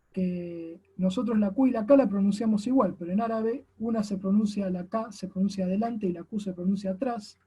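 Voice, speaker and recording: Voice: mid-range voice, mellow, breathy edge. A teacher with an Argentine accent giving a recorded class lecture, explaining step by step and often tagging sentences with a questioning "no?". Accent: Argentine Spanish. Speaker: language teacher.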